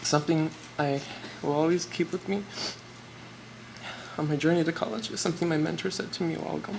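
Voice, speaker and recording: On a noisy live event recording, a teen boy with a higher-than-average voice rushes through his prepared student award acceptance speech. His intonation stays fairly even, with some vocal fry, and he reads nervously and tearfully from notes.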